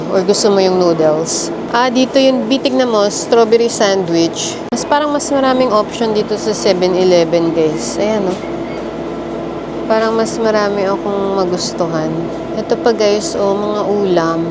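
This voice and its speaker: A woman narrates a family travel vlog in a chatty, easygoing way, walking viewers through a hotel laundry and a convenience store. Her voice sits a little low. A handheld camera picks her up with plenty of noise in the background. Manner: chatty, keeps addressing viewers as guys. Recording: noisy handheld vlog audio.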